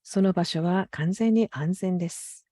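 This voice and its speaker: A woman's voice: lowish voice, unhurried, mellow, no room sound, clean studio sound. A woman working as an interpreter for a guided meditation, speaking politely and carefully with hesitant phrasing. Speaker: consecutive interpreter.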